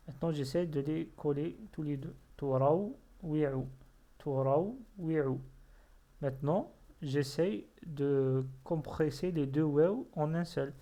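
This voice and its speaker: Slow, patient man teaching reading. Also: a little high, dark tone. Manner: patient, repeats words syllable by syllable. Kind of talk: slow explanatory lesson.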